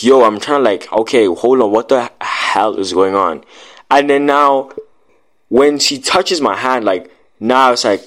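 A man's voice: fairly low pitch, fairly bright tone. Rambling young man telling a story. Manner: rambling, fills every pause with "like"; street slang. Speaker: vlogger. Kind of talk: casual storytelling.

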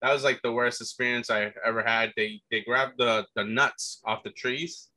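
A man recalls his younger days as a guest telling his life story in casual talk, wandering loosely with many fillers, restarts, and the odd "dude." His mid-range voice keeps fairly even intonation at a normal speed, with a sharp tone. The recording is dry and low-quality.

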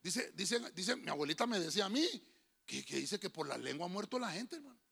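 Lively Honduran pastor, bright gravelly voice. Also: male voice, high-pitched, fairly quick. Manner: animated, asks the congregation questions, swings between loud calls and whispers. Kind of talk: lively sermon. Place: church.

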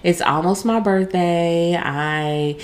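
An American woman with a slightly low voice co-hosts a podcast. She chats casually and informally, using slang as she would with a close friend. The delivery is loose and conversational. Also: takes it slowly. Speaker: podcast co-host. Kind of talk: casual chat between friends.

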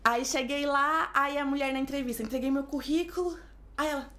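A young Brazilian woman with a Brazilian Portuguese accent, chatting as a podcast guest and telling stories with lively acted-out quotes. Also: high-pitched. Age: young adult. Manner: rapid, animated storytelling with acted quotes. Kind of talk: casual podcast chat.

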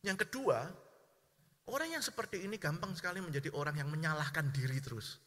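A middle-aged man preaching a sermon, lively and animated, addressing his congregation and acting out the voices of people he describes. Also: a little high, a little fast, long reverb tail. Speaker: pastor.

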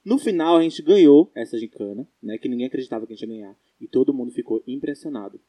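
Young brazilian guy on a podcast, fast and bouncy, dark mellow voice, laughs a lot. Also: medium pitch, husky. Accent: Brazilian Portuguese. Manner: animated, laughing storyteller. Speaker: podcast co-host. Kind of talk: casual storytelling chat.

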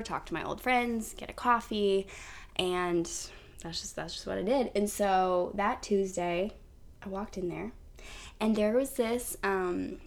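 A woman in her thirties hosting a podcast, chatting casually with her husband and telling their story with frequent laughs. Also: mid-range voice. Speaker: podcast host.

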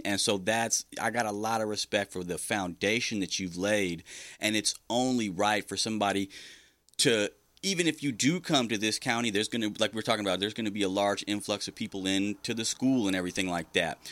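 A man's voice: fairly low pitch, fairly bright tone, dry recording. A man hosting a podcast, speaking earnestly and respectfully in a rambling way. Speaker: podcast host. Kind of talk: casual podcast conversation.

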